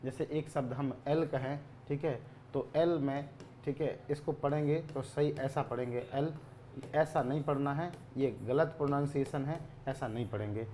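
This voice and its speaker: A male teacher giving a grammar lesson, asking questions and answering them himself, repeating key words, often clearing his throat. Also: mid-range voice, fairly even intonation, moderate pace, dark tone, a little hiss or hum.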